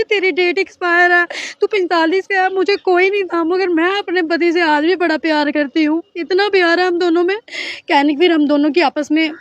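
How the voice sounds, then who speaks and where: A woman's voice: very high voice, dry recording. A middle-aged woman giving an earnest, pleading personal testimony to an interviewer, often acting out what others said. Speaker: interviewee telling her account. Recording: dull, dry lo-fi recording.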